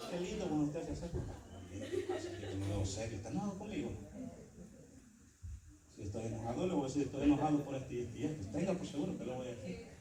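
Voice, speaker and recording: A man preaches emphatically, acting out small conversations. His voice sits a little high and comes from a distance in an echoey church. The congregation can be heard clearly around him. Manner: emphatic preaching that acts out short dialogues. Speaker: pastor. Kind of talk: sermon. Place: church sanctuary. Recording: echoey church, far from mic, congregation audible.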